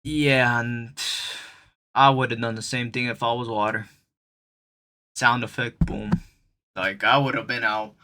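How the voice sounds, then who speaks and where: Young man, casual storytime, slangy and animated, bright crisp voice. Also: medium pitch, measured pace, long pauses, slight background noise. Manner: animated, slangy, acts out quotes. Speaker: streamer telling a story.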